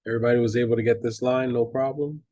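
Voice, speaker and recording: Male math teacher, husky and mellow, casual lecture tone with frequent check-ins. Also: mid-range voice, steady tone, fast talker. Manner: casual, checks in with students, restarts while reading. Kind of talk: online class lecture.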